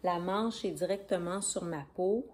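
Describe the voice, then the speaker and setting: A woman's voice: on the low side, measured pace, a little mellow. A woman with a Québécois French accent hosting a knitting video podcast at home, talking casually to a camera, rambling and correcting herself. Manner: chatty, rambling, self-correcting, glances at notes. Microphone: camera on a stand.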